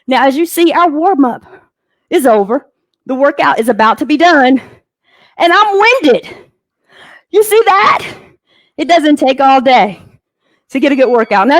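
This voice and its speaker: With a voice that sits high, a woman coaching a guided workout shouts out each move and cheers participants on. The recording is free of echo.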